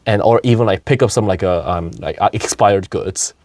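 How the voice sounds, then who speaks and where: Hosting a casual podcast talk, a young South Korean man speaks at a normal speed in a fairly low, slightly mellow voice. He laughs a lot and his speech is full of fillers and restarts; the sound is clean studio quality with no room sound.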